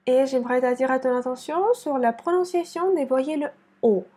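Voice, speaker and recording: A woman teaching a slow pronunciation lesson to camera, repeating words deliberately. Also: sits high, dark tone, slightly rough. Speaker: Russian teacher. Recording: speaking to camera.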